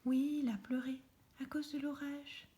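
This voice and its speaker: A woman's voice: high-pitched, steady tone, unhurried, mellow. A woman reading a storybook aloud, voicing a brave young girl who calls out urgently.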